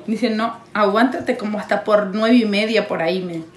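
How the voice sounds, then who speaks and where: A woman's voice: medium pitch, moderate pace, roomy sound. A woman telling a story in casual chat, acting out what people said and laughing often. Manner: acts out quoted lines, laughing often. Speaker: fiancée telling her story.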